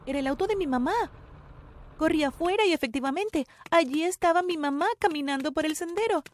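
Excitable woman narrating a story. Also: high-pitched, brisk, slight background noise. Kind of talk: first-person story narration.

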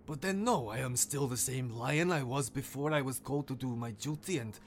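A man's voice: mid-range voice, normal speed, a little hiss or hum, natural voice. A man voicing a loyal, brave lion who speaks thoughtfully and hesitantly. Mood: reflective.

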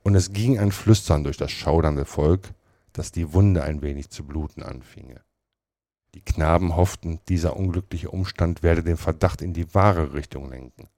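A man reading a classic novel aloud in a measured, expressive storytelling manner. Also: a bass voice, no echo, studio quality. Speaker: storybook reader.

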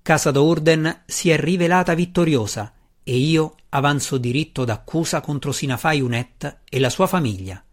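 A man reading the part of a proud, scheming dark elf matron in an audiobook, speaking sharply and insistently. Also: fairly high pitch, moderate pace, close to an everyday voice. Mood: stern.

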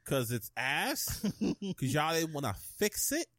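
A man's voice: on the high side, very animated, takes it slowly, a bit bright, dry recording, studio quality. A man co-hosting a podcast in casual chat, ranting animatedly and swearing freely. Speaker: podcast co-host.

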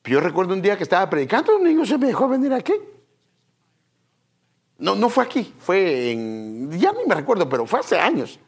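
A man preaching a sermon, talking straight to his congregation, with hushed asides that break into loud, emphatic bursts. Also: high-pitched, wildly swooping pitch, fairly quick, husky. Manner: addresses the congregation directly, repeating "fíjese" and "hermano". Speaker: pastor.

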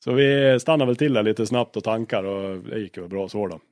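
A man's voice: lowish voice, no echo, clean studio sound. A man, a rally co-driver, telling stories casually in an interview, swearing freely and acting out old quarrels. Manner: lively storyteller, swears freely, acts out quarrels.

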